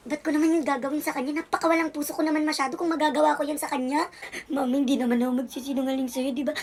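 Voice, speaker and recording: A woman's voice: sits high, fairly even intonation, rapid-fire. A woman playing a young eldest brother who protests whiny and defensive.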